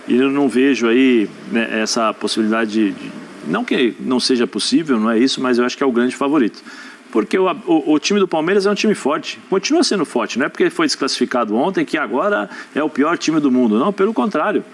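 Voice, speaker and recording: A man with a Brazilian accent giving studio football analysis, deliberate and restarting phrases as he reasons aloud. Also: medium pitch, lively intonation. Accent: Brazilian Portuguese. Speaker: sports TV commentator.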